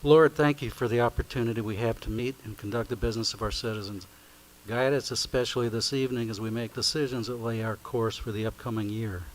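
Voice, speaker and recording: A man leading a formal spoken prayer at a county meeting, speaking at a lectern microphone in a solemn, measured, recited way. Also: mid-range voice, fairly even intonation, a little hiss or hum, low-quality recording. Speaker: invocation leader at a county meeting.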